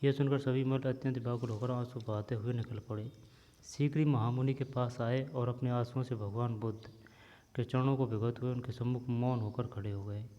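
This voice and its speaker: A man reading a textbook story aloud as a teacher, pausing now and then to explain words. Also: mid-range voice, fairly even intonation, dark tone. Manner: reads steadily, pauses to explain words. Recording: dull lo-fi sound with long reverb.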